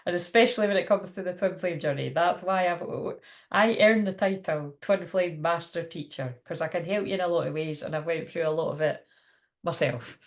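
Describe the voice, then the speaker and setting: A woman talks casually and informally, wandering from thought to thought. Her voice is on the low side for a woman, with a clearly creaky, gravelly edge. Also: fairly quick. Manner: rambling, informal. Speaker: spiritual teacher. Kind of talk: casual chat to camera.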